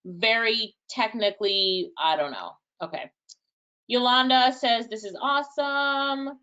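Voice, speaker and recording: A woman with a Jamaican accent presents a live online workshop, her voice a little high, a little slow, bright and forceful, with the highs cut off. As webinar presenter she answers chat questions casually, chatting, thinking aloud and laughing lightly.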